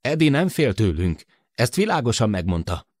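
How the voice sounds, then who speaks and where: A man's voice: medium pitch, big pitch swings, darkish tone, no echo, studio quality, pitched above the performer's own voice. A man voicing a cocky male helicopter pilot who talks back over the radio. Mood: confident.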